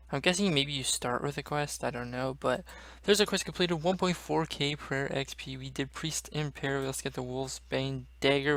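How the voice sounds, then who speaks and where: A man provides casual let's-play commentary over his own gameplay, chatting straight to his viewers and calling them "guys." His voice is on the high side, gravelly, and a bit bright, in a dry recording.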